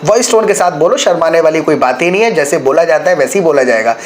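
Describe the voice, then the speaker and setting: A man's voice: a little high, expressive, fast talker, a little hiss or hum. A man teaching a spoken-English lesson, patiently explaining and checking in with his learner.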